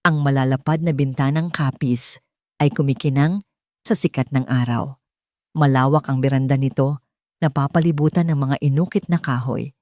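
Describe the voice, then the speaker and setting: A woman with a Filipino accent narrates a scripted dramatic story in a deep voice with a darkish tone. The recording is clean studio sound with no echo.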